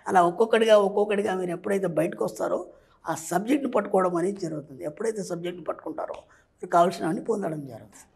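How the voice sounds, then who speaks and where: A man's voice: high-pitched, quick pace, creaky, a little mellow, husky. A man, speaking as a spiritual money coach in an interview. He lectures emphatically and keeps asking if the listener understood.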